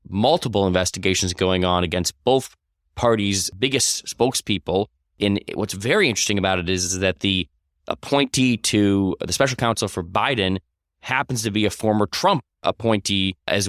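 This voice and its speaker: A man's voice: fairly low pitch, a bit bright, no room sound, studio quality. A man co-hosting a political podcast, talking confidently and with emphasis. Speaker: podcast co-host.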